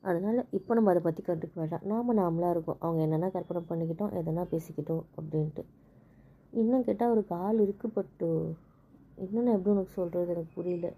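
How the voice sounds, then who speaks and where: A woman talking with her husband in a casual couple conversation, explaining things patiently and calmly. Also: lowish voice, quick pace. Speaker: wife.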